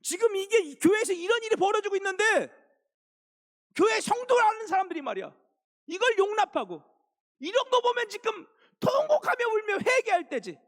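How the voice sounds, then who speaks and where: A man voicing a stern older male apostle who shouts angry rebukes at a high, strained pitch. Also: expressive, measured pace, creaky, pauses often, husky, full character voice. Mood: furious rebuke.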